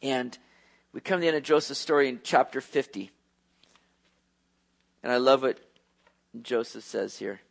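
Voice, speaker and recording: A man preaching a sermon, retelling a story with lively asides to his listeners. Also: mid-range voice, normal speed, vocal fry, long pauses.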